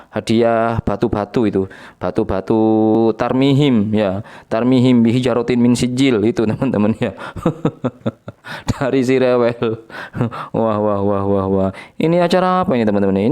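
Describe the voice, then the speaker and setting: A male reaction host with a clean, resonant voice at an ordinary pitch. He chats casually and mockingly to his audience, chuckling between remarks. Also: expressive, moderate pace, a little mellow, clean tone. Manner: chuckling, sarcastic, keeps addressing viewers as friends.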